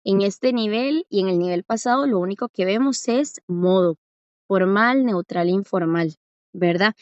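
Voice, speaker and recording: A woman from Costa Rica teaches Korean with a medium-pitched, somewhat mellow voice, calmly elongating example words, spelling them out and often checking with a rising lilt that students follow. Her voice sounds close and dry, slightly muffled, with no room sound.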